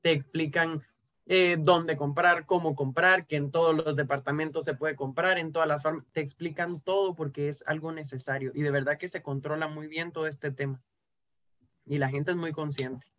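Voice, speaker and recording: A man speaks as a panel guest in a voice pitched a little high for a man. He is frank and outspoken and drops casual slang as he makes his points. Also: steady tone, moderate pace, fairly bright tone. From Cuba.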